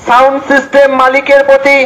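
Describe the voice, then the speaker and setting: A man making a formal police announcement through a megaphone on a moving vehicle, in measured, repeated phrases. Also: very high voice, monotone. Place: outdoors on a street. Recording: echoey loudspeaker with faint traffic.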